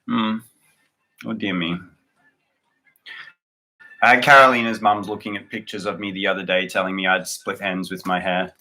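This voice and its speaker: Bright-voiced Australian man hosting a livestream. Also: sits low, fairly even intonation, moderate pace, pauses often. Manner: loose and rambling, with many fillers and restarts. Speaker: livestream host. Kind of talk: live-stream chat reading viewer comments.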